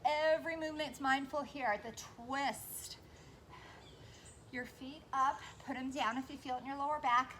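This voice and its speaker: A woman leading a workout while exercising along, somewhat breathless, giving short form cues and steady encouragement. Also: high-pitched, normal speed, slight background noise. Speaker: fitness instructor leading a workout. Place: indoors on carpet.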